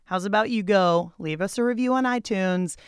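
An American woman hosts a radio show and podcast, delivering scripted narration in a playful, chatty, wry conversational way. Her mid-range voice is smooth and moves at normal speed. The clean studio sound has no echo, with music in the background.

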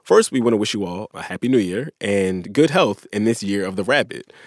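A man's voice: fairly low pitch, expressive, brisk, no echo, studio quality. A man hosting a podcast in an informal, slangy, conversational way. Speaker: podcast host.

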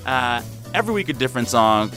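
A man's voice: mid-range voice, quick pace, over music. An American man hosting a casual news chat show from a studio, informal and full of interjections. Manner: informal and animated, with frequent interjections. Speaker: radio show host. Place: radio studio.

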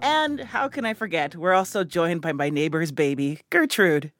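A woman hosting a children's podcast, chatting and asking questions in a lively way. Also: on the low side, normal speed. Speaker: podcast host. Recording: music behind the voice.

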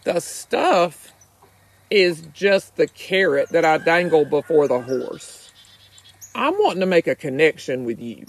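A woman speaks through a disguised, electronically deepened voice, pushed well below her own pitch. The tone comes out husky and processed, yet her delivery still swings widely up and down. She is a harm reduction worker heard in a recorded clip. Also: sing-song, measured pace. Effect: voice electronically altered to disguise her, deep.

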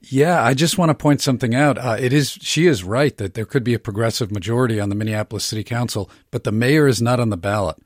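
A man's voice: mid-range voice, fast, hardly any pauses, no echo, studio quality. A man on a radio panel, explaining points in a direct way. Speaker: panel guest.

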